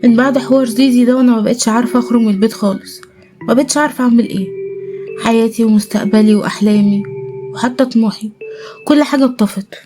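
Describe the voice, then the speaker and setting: A woman's voice: on the high side, steady tone, quick pace, close to an everyday voice. A woman with an Egyptian accent voicing a hurt, weary young woman who talks bitterly. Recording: voice over loud background music.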